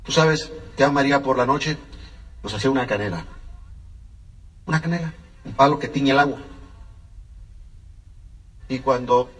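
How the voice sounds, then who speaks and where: A man tells his personal life story with emotion, addressing the listener directly. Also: medium pitch. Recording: voice a bit far from the mic.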